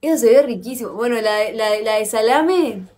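A woman with an Argentine accent chatting casually with viewers on a live stream, playful and quick to exclaim and laugh. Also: fairly high pitch, animated, a little mellow. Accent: Argentine Spanish. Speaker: livestreamer.

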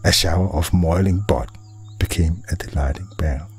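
Very deep-voiced monk narrating a story. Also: male voice, a little mellow, husky, soft background music. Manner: dramatic, deliberate reading. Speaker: Buddhist monk.

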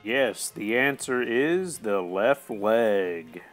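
A man's voice: lowish voice, animated, drawn-out words, soft background music. A man hosting a school quiz segment, speaking in a playful quiz-host manner as he narrates questions and answers. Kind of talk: scripted narration.

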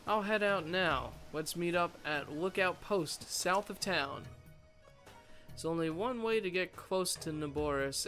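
A man reading the lines of an earnest young girl chief from a video game, with solemn emphasis. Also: on the high side. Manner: reads dialogue aloud with solemn emphasis. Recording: game music playing loudly behind.

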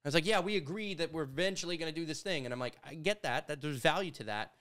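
A man in his thirties from Canada, talking through ideas in a casual conversation at a studio boom mic, animated and gesturing as he tells stories. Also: fast talker. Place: studio with brick walls. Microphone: studio mic on boom arm.

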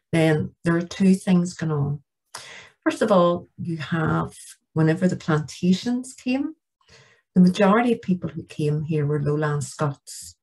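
A woman's voice: low voice, a little mellow, husky, rough recording. A middle-aged woman with a Northern Irish accent giving an earnest, plain-spoken lecture with slides in a church. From Northern Ireland. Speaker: guest lecturer.

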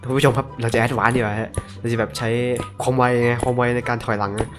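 Excitable young Thai gaming host. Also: male voice, medium pitch, quick pace, over music. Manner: excitable, swears and jokes at himself. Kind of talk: casual gameplay commentary.

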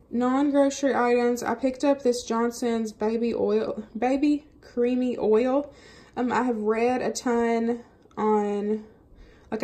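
Chatty Southern woman, higher voice. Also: warm tone. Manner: chatty, lots of "um" and "y'all". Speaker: vlogger. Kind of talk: casual grocery haul chat. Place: home kitchen table, indoors.

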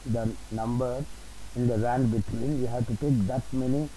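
A man's voice: medium pitch, steady tone, moderate pace, mellow, slight background noise, poor audio. A man presenting an unscripted spreadsheet tutorial, dictating keystrokes and entries word by word. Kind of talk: unscripted screen-recorded tutorial.

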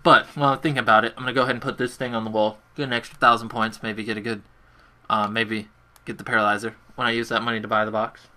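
A man's voice: medium pitch, flat delivery, quick pace, bright, forceful tone. A young man casually commenting on his gameplay during a livestream from his bedroom, chatty and self-deprecating as he talks to his viewers. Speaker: gaming livestreamer. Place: bedroom at home.

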